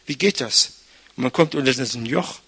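A man's voice: medium pitch, moderate pace, a bit bright, husky. An older man, a pastor, preaching a conversational sermon, frequently tagging his sentences with "ne?". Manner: chatty, frequent tag "ne?".

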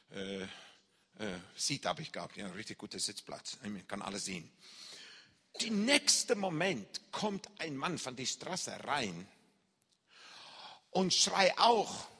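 This sermon testimony comes from a man storytelling in a big reverberant hall, his German slow and deliberate but marked by non-native errors. He acts out shouts and reactions with great animation, his bright, faintly husky voice pitched a bit high and rising and falling broadly.

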